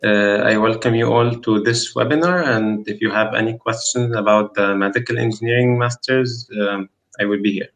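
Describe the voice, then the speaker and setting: A man's voice: fairly low pitch, fairly even intonation, normal speed, fairly bright tone, poor audio. A man from Egypt, a master's student, introducing himself hesitantly on a video call. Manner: hesitant, with fillers.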